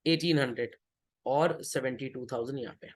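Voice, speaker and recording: A man's voice: medium pitch, normal speed. A man teaching an accountancy class, joking and teasing his students as he works through problems, switching between Hindi and English. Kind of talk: classroom lecture.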